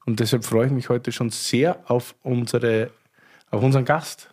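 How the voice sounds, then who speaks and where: A man's voice: medium pitch, steady tone, moderate pace, a little mellow, husky. A man hosting a wine podcast, chatting casually and heaping praise on his guest. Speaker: podcast host. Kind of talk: casual chat.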